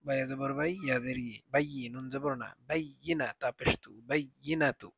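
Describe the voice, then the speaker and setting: A male Quran teacher works through the text one letter at a time, naming each vowel mark before joining the syllables. His voice sits at an ordinary pitch for a man. Between the spelling he lifts into slow, drawn-out recitation. The sound is dry and close. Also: flat delivery, vocal fry, a bit bright, breathy edge, dry recording. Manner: spells letters and vowel marks step by step, then chants the verse slowly.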